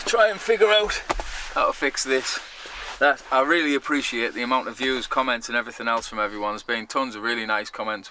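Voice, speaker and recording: A man's voice: mid-range voice, pushed and bright. A man with a moderate Sunderland Mackem accent chatting casually as he vlogs DIY work, blunt, colloquial and sweary. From Sunderland, north-east England. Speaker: camper van vlogger. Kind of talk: casual vlog talk, DIY commentary.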